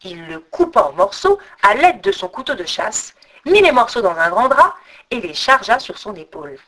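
A woman narrating a folk tale as a storyteller, reading a script in an expressive way. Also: on the high side, normal speed, low-quality recording.

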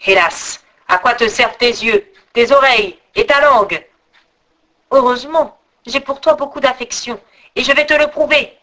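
A greedy, cruel troll king from a storybook, gloating and solemn, his voice pitched up and pushed loud, as a woman reading the tale puts him on. He talks down to his guest with grand, pompous menace. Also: sing-song, moderate pace, full character voice, rough recording.

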